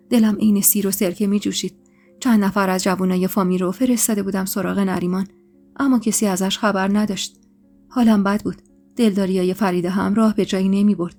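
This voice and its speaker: A woman storyteller reading a dramatic first-person story in an emotional, expressive way, with faint music behind her. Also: mid-range voice. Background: faint background music.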